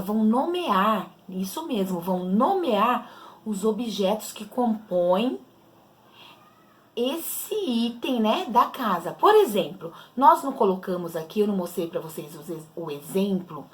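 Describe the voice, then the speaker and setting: A woman's voice: medium pitch, expressive. A woman teacher with a Brazilian Portuguese accent, patiently walking young children through a literacy lesson step by step. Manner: slow, patient, explains syllables step by step to children.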